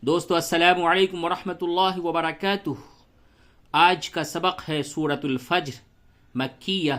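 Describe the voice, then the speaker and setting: Patient Quran teacher spelling out letters. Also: male voice, on the high side, steady tone, fairly bright tone. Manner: explains rules patiently, spells out letters and recites slowly. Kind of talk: tajweed lesson with slow recitation.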